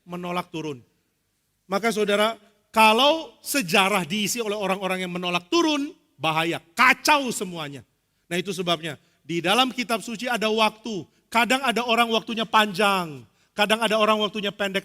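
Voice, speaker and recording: Bright-voiced pastor preaching in an echoing church. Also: male voice, sits high. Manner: playful, conversational, acts out scenes and sings notes. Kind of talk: lively sermon with illustrations. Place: church sanctuary. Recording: reverberant church hall, faint music.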